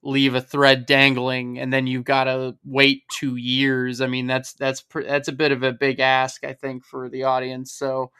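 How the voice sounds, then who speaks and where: A man's voice: medium pitch, monotone, unhurried, few pauses, bright, forceful tone, clean tone. A man co-hosting a film podcast as a box office analyst. He rambles and thinks aloud, often restarting his sentences. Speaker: staff writer and box office analyst, co-host. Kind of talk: casual podcast chat.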